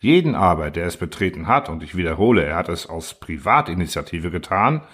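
Husky low-voiced lecturing machine ruler, read by a man, calm and condescending. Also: brisk, heavily acted. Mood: cold. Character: cold, lecturing order-obsessed machine ruler.

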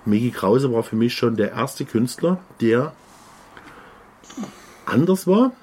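A man's voice: mid-range voice, moderate pace, a little mellow, slight background noise. A middle-aged man with a Saxon German accent, co-hosting a casual podcast and telling rambling anecdotes with many fillers. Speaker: podcast co-host, DJ. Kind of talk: casual chat.

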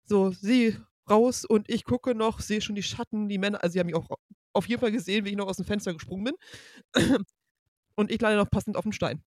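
A woman's voice: medium pitch, brisk, darkish tone, dry recording. A woman podcast guest telling a dramatic story, acting out quotes and sound effects. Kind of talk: animated storytelling.

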